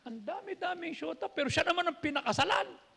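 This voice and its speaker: A woman's voice: extremely high pitch, expressive, fast, gravelly, a bit bright, voice pushed up, exaggerated voice. A man voicing a middle-aged wife complaining about her husband, in an exasperated, raised voice.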